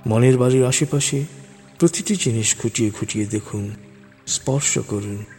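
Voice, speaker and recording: A man leading a guided meditation in a slow, calming hypnotist manner, with a soft, husky voice. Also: mid-range voice. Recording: long reverb over background music. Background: music.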